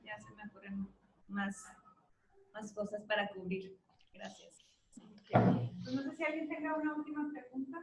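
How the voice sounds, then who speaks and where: A woman's voice: mid-range voice, fairly even intonation, unhurried, long pauses, very noisy. A woman moderating a question-and-answer session at a conference, polite and brief, formally addressing the speaker.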